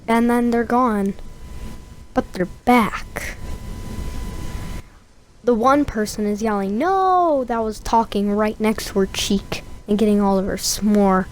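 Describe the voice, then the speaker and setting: Slow, rambling young woman narrating gameplay. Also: medium pitch, fairly even intonation, a little mellow, slight background noise. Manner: chatty, rambling with fillers. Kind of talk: casual gameplay voice-over.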